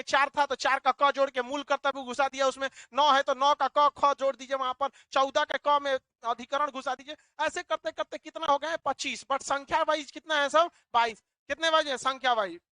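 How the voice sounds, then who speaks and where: A male teacher lecturing a classroom, animated, asking the class questions and answering them himself. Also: extremely high pitch, no room sound.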